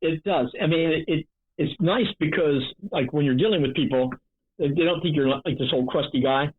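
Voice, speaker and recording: A man in his seventies from North Jersey, a guest in an interview, telling stories in an energetic, chatty way. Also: on the high side, normal speed, slightly rough. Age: 70s. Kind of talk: interview conversation. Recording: tinny phone-like line.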